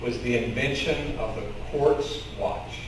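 This middle-aged pastor, Kentucky-accented, speaks unhurriedly at medium pitch while telling stories to his congregation and gesturing with open hands. He preaches in front of a curtain in the sanctuary, recorded from among the congregation with stand and headset mics. The sound is echoey and far off, with background noise.

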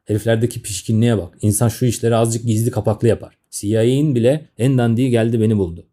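A man's voice: medium pitch, steady tone, fast, dark tone. A man in his thirties narrating a comic story in a grumbling, sardonic manner. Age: 30s.

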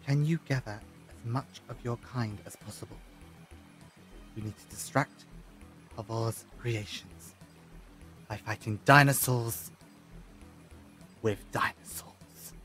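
A man playing a clever, whimsical, resolute time-travelling adventurer in an audio drama, theatrical and quick-witted. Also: medium pitch, a bit bright, faint music behind. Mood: urgent, resolute.

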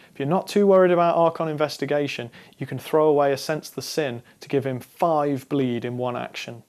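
A young man in his twenties presenting a scripted explainer on card game strategy, talking straight to camera in a measured, instructive way. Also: mid-range voice, a little mellow. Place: studio against a dark backdrop.

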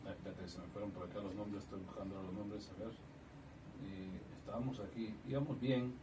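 A middle-aged man from Ecuador, a musician guest on a radio show, talking casually with many halting restarts. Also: on the low side, fairly even intonation. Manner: chatty, halting with many restarts, laughs easily. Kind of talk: casual interview chat. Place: small radio studio, indoors. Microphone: studio desk mic, recorded from a far camera. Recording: distant mic, faint room noise.

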